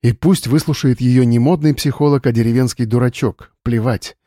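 A man narrating an audiobook in an even, measured reading style on a close mic. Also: mid-range voice, no echo. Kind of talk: scripted narration.

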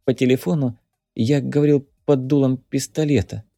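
A man's voice: medium pitch, fairly even intonation, normal speed, vocal fry, dark tone, no room sound, studio quality, soft background music, close to an everyday voice. A man voicing a beaten young man under twenty who is gloomy, guilt-ridden and short of breath from coughing. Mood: desperate. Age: teens. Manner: wheezing, coughing through his words.

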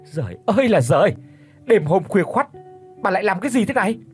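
A man voicing a shrill, spiteful middle-aged daughter-in-law in an audiobook, hissing and scornful. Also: big pitch swings, normal speed, faint music behind, natural voice. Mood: screeching. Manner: hisses and shrieks, scornful.

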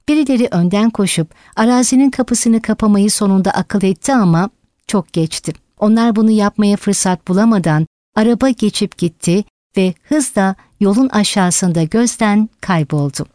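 A woman narrating an audiobook in a steady, dramatic reading style. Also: medium pitch, dry recording, clean studio sound. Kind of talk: scripted narration.

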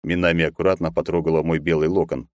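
A man narrating a first-person audiobook in expressive, lively storytelling. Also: a bass voice, fast talker.

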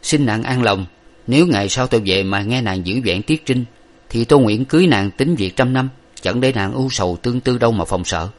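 A man's voice: mid-range voice, brisk, lightly acted. A man voicing an earnest young man who reassures his beloved, in an audiobook of an old novel. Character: earnest young man, lover bound for study abroad.

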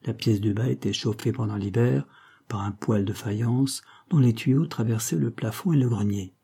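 Dark husky male audiobook narrator. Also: lowish voice, moderate pace. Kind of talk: scripted narration.

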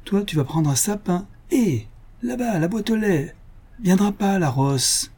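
A man's voice: on the high side, expressive, normal speed, mellow, husky, voice pushed up. A man reading a storybook voices a cheeky young woman cyclist who talks in sassy, bossy street slang.

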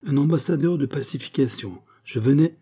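A man's voice: medium pitch, brisk, warm tone, breathy edge, pitched above the performer's own voice, lightly acted. A man voicing a naive, sly young village man who pleads in a mock-polite, wheedling way. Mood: pleading.

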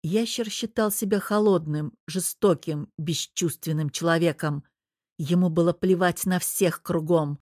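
A woman reading a novel aloud in a steady storytelling voice, pitched fairly low. She is recorded close to the mic, and the sound is dry, with no room echo. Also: a little slow. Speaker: audiobook narrator. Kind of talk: scripted narration of a romance novel.

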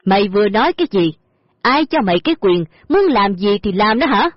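A woman's voice: mid-range voice, animated, normal speed, no room sound, natural voice. A woman voicing a greedy, scheming middle-aged stepmother who scolds sharply, in a dull lo-fi audio story with faint music behind. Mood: scolding.

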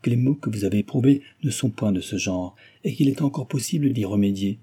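A man voicing a young, distressed heiress who speaks earnestly and gently, as a character in an audiobook. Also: fairly low pitch, brisk, breathy edge. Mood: earnest pleading. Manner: earnest, pleading.

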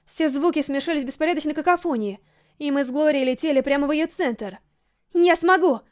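A woman reading a first-person novel aloud as an audiobook narrator, with dramatic, emotionally expressive storytelling. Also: high-pitched, fast talker.

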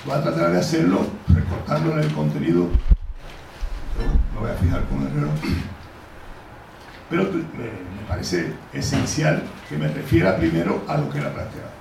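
A man's voice: fairly low pitch, sing-song, measured pace. An older man with a Cuban Caribbean Spanish accent, giving an informal, digressive extemporaneous lecture as an academic speaker. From Cuba. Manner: frequent throat-clearing, digressive. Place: indoor conference room, recorded from afar. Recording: very echoey noisy room, distant mic.

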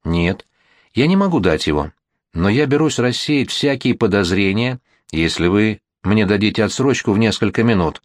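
A man reading an audiobook voices a calm, self-assured gentleman who speaks in a composed, reasoning way. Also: lowish voice, moderate pace, dry recording, studio quality, lightly acted.

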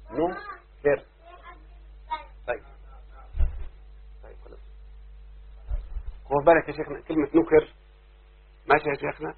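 Heard on a very tinny lo-fi recording, this husky, somewhat high-voiced man is a sheikh teaching Arabic rhyme in a classroom lecture. He speaks with an Egyptian Arabic accent and keeps quizzing his students with repeated questions.

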